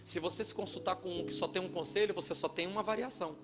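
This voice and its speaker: A man giving a motivational talk to an audience, an expressive storyteller. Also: high voice, fast, music in the background. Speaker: motivational speaker.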